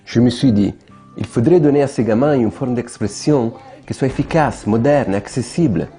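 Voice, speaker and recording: A man narrating his own documentary in a measured, reflective voice-over. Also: mid-range voice, mellow, faint music behind. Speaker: filmmaker narrating his project.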